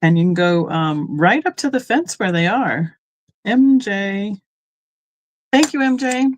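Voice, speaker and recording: Hosting a live online sale, a middle-aged woman from Colorado, United States, chats casually and drifts into rambling asides, often saying um. Her mid-range voice is animated, and she talks a little slowly.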